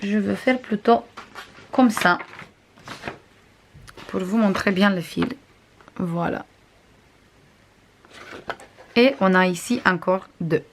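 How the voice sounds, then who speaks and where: Woman vlogger, non-native accent, mid-pitched, casual hesitant unboxing chat. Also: slow, pauses often, a little hiss or hum. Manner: chatty, frequent hesitations, shows items to camera. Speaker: crafts vlogger.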